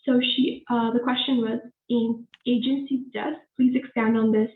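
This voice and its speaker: A woman's voice: on the high side, level tone. A woman moderating an online Q&A, reading questions from the chat. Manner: brisk, reads questions from the chat. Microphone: video call. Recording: tinny phone-like call audio in an echoey room.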